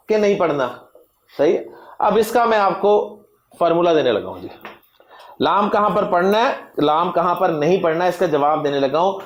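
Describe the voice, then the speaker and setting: Man lecturing in an echoey classroom. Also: high voice. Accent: Pakistani Urdu. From Pakistan. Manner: explains slowly, drawing words out and often asking "right?". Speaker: Quranic Arabic teacher.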